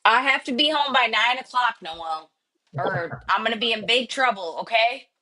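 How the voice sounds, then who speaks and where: A woman's voice: fairly high pitch, animated, normal speed, bright, forceful tone, rough recording. Jokey woman streamer in her thirties. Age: 30s. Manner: teasing, jokey. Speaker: live-stream host. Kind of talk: casual chat.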